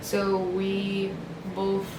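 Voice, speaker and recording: A woman's voice: medium pitch, completely flat delivery, drawn-out words. A woman of twenty from Miami, chatting casually with viewers as a vlogger, filling her talk with "like". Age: 20s. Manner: chatty, uses "like" a lot. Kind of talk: casual chat to camera. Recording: echoey room with background noise.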